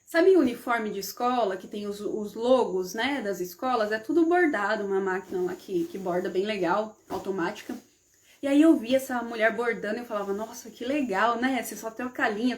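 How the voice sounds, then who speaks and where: Chatty woman telling her own story, pitched a bit high. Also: a little mellow. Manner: chatty, often adds "né?" and addresses the audience as "gente"; acts out the dialogue in her stories. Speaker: live stream host. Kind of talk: casual personal storytelling.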